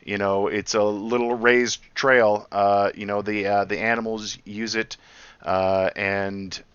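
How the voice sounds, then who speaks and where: A man narrating as dungeon master for a tabletop game, halting with many filler sounds. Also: flat delivery, a bit bright, smooth, no echo. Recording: dull dry low-fi audio.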